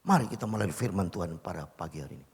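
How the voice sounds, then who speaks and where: Older gravelly pastor preaching in reverberant hall. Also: male voice, animated, rapid-fire. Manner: emphatic, swinging from loud exclamations to low murmurs. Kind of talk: sermon. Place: church service hall. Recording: long church-hall reverb.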